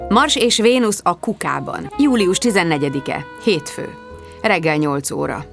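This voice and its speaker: A woman's voice: on the low side, creaky, soft background music. Woman narrating a wry audiobook. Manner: lively, wry first-person storytelling.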